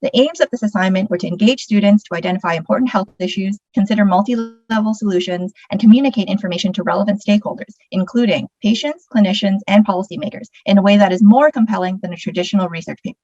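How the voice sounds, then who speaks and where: A woman's voice: medium pitch, fast talker, few pauses, a little mellow, no echo, highs cut off. A woman reading a scripted presentation as one of its presenters.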